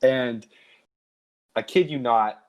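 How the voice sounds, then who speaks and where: A man's voice: medium pitch, slow. A young man co-hosting a casual podcast, telling stories loosely with lots of fillers. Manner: laid-back storyteller, lots of "like". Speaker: co-host.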